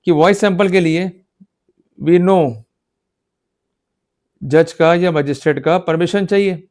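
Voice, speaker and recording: The lecturer speaks slowly in a voice that is on the high side yet darkish in tone. Explaining law in Hindi mixed with English legal terms, he is emphatic, exhorts his listeners, and often asks whether they're following.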